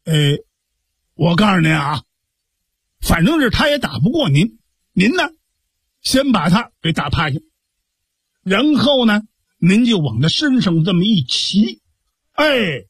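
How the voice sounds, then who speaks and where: A man doing gossipy old village neighbors with a Beijing accent, coaxing and full of colloquial chatter. The voice rides high and swings widely in pitch, with a slightly husky edge. It sounds close and dry, with no room around it. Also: no room sound. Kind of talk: storytelling radio performance.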